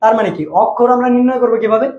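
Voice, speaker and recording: High-voiced young Bangladeshi teacher, echoey room. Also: male voice, flat delivery, darkish tone, dull audio. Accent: Bangladeshi colloquial Bangla. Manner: repeats checks like "do you understand", stretches out example words slowly. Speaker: admission coaching teacher. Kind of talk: casual classroom lecture. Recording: roomy echo.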